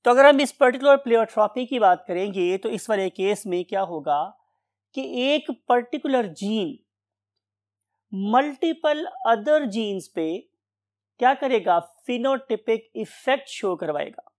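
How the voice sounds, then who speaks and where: Pakistani guy teaching biology at a whiteboard, real slow, repeats every word for the notes. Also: very high-pitched, lively intonation. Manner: dictates slowly, repeating key words for notes. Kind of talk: recorded classroom lecture. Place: room with a whiteboard.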